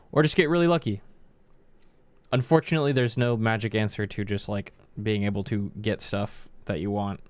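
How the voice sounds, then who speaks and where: A man's voice: smooth, no echo. Casual swearing young man, dry close sound. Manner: candid, swears freely, mimics people in high voices. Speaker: card vendor. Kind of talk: casual chat.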